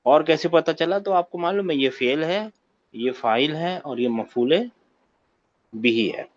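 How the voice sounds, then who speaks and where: A man's voice: on the high side, no echo, lo-fi sound. A man teaching a grammar class online, patiently quizzing his students and repeating key points. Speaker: Arabic teacher.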